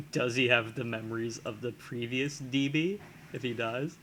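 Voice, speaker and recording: A man's voice: medium pitch, steady tone, a little slow, fairly bright tone, slight background noise. A man streaming while he sculpts, chatting casually and musing aloud, often chuckling and trailing off into fillers as he works, into a desk microphone.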